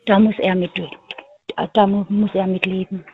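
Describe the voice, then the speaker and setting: A woman's voice: medium pitch, little pitch movement, normal speed. A woman calling in to a radio show over the phone and giving short, agreeing replies. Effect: heard over the phone. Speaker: caller. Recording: tinny phone line with faint noise.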